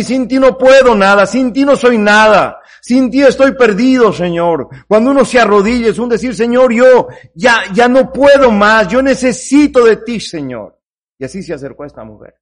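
High-pitched male pastor, fervent sermon delivery, murmur-to-cry swings, heavy repetition. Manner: impassioned, swings from low murmurs to drawn-out cries; repeats phrases for emphasis.

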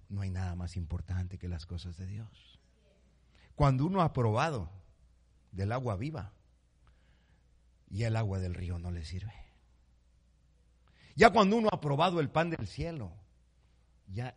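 A male pastor preaches a sermon with passion, his lowish voice carrying a breathy edge. He swings from sudden loud rises to hushed drops and calls his listeners "mi hermano".

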